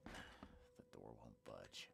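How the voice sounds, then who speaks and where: An actor playing a terse, sceptical video game protagonist with a dry, wary manner. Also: male voice, drawn-out words, very noisy.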